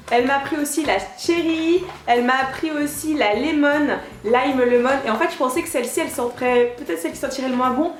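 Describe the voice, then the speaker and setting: Young French woman vlogger, high bright voice, chatty and bubbly, roomy echo with soft music under her. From France. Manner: chatty, bubbly, many fillers and restarts. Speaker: YouTuber. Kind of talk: casual vlog chat. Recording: echoey room with light music.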